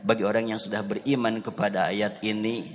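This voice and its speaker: A man's voice: on the low side, a little fast. A male preacher giving a sermon in a large mosque hall, telling stories and asking rhetorical questions. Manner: lively storytelling with rhetorical questions. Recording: long hall reverb, faint hiss.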